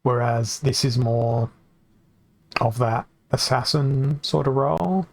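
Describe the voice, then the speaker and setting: Slow and fry-tinged, a man's mid-range voice comes through a dry recording as he streams a card game from home. Speaking into a desk mic, he reasons aloud, corrects himself along the way, and sounds worn after hours of casual commentary.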